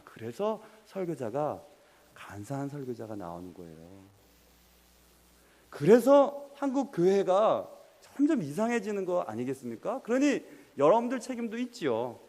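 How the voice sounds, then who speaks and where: A man's voice: sits high, a little mellow. A young man preaching a sermon as pastor, quizzing his congregation and pressing them on their answers. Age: young adult. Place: church sanctuary. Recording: long hall reverb.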